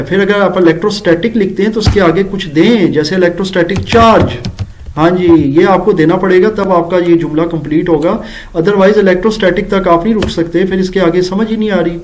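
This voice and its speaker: A man with a Pakistani accent, a teacher hosting a critical review vlog, who slows right down to spell out English words and drops sarcastic asides. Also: high-pitched, a little hiss or hum, poor audio. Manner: slow, deliberate English words and spelling out mistakes. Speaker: education channel host and teacher.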